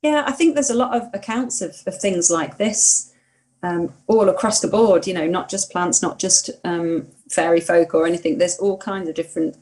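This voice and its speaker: A woman's voice: on the low side, normal speed, poor audio. A woman co-hosting a casual podcast chat, earnest and opinionated, at times getting mildly indignant. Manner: earnest, warmly opinionated, talks herself into mild indignation. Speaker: podcast co-host.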